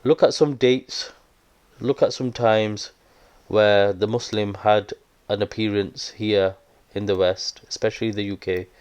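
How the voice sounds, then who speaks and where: Man, smooth low voice, earnest vlog commentary. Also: fairly even intonation, measured pace, a little mellow. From Britain. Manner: earnest, explanatory, with hesitant fillers. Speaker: vlogger.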